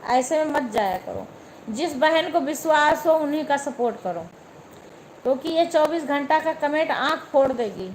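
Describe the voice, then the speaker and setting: A woman's voice: high-pitched, animated, moderate pace, a little hiss or hum, poor audio. A young woman with an Awadhi accent hosting a phone live stream, chatting casually and speaking straight to her viewers by name.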